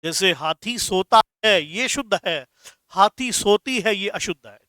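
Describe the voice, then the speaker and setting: The speaker is a man teaching Hindi grammar with patience, going slowly, repeating key terms, and calling students "beta." His high voice has lively intonation and a pushed, bright quality, and there is no room sound.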